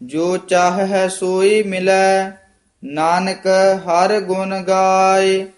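A man reciting scripture aloud as a student, his voice high for a man and kept very flat. He draws every phrase out at a very slow, steady pace.

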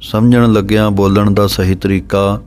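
Male recitation teacher, low and level delivery, slow and deliberate, spells out each letter. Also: level tone, a little mellow. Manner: measured, spelling out letters and pauses carefully. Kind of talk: slow instructional recitation lesson.

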